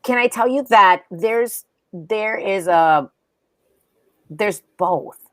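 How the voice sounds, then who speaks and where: A woman in her fifties co-hosting a casual podcast chat as a therapist, talking in a relaxed, meandering way. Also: mid-range voice, takes it slowly, no room sound. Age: 50s. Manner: relaxed, meandering, sleepy morning talk. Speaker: co-host therapist.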